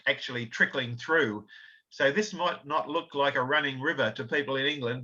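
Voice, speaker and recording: Bright-voiced man giving a slide talk. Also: mid-range voice. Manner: explanatory, many fillers and self-corrections. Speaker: author and researcher giving a talk. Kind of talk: illustrated history talk with slides. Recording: slightly dull lo-fi audio.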